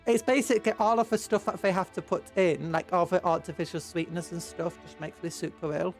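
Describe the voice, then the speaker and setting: A British woman streamer with a cold, blocked nose and sore throat rambles chattily with her viewers, reading and answering chat. Her voice is on the low side with fairly even intonation, a little fast, over faint music.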